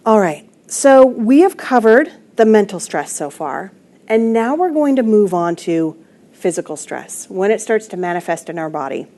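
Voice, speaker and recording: A woman's voice: medium pitch, big pitch swings, moderate pace, dark tone. A woman wellness coach giving an online presentation in an earnest, emphatic teaching tone, speaking into a computer microphone.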